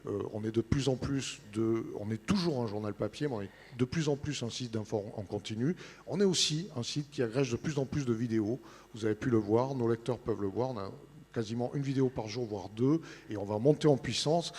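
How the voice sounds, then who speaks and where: A man's voice: mid-range voice, brisk, darkish tone, husky. A man speaking as an interview guest, informally presenting events and often searching for his words. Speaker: interview guest representing a newspaper. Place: large studio set in a big hall. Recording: large hall with long reverb.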